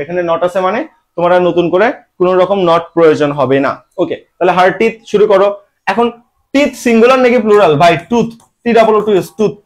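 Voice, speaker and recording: A man teaching English grammar for an admission exam in Bengali-style speech, teasing his students and asking and answering his own questions. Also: sits high. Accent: Bangladeshi Bengali. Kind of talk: online admission-exam lesson.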